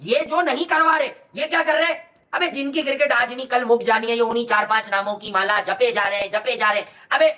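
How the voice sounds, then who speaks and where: A man talks cricket on a casual show, blunt and animated. He speaks fast in a bright, forceful voice. He sits some distance from the mic. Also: very high-pitched. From Pakistan. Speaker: cricket commentator.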